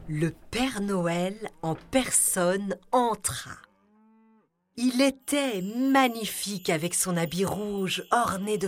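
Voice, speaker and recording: A woman narrating a children's story in a gentle, expressive way. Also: mid-range voice. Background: music.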